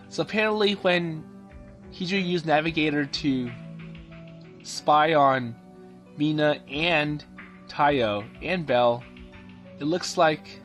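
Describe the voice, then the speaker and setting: Game commentator, male, slightly higher voice, halting delivery full of fillers, faint game music behind. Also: fairly bright tone. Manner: hesitant, many fillers and restarts, paraphrasing dialogue. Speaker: let's play commentator. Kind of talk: casual game commentary, translating and summarizing the story.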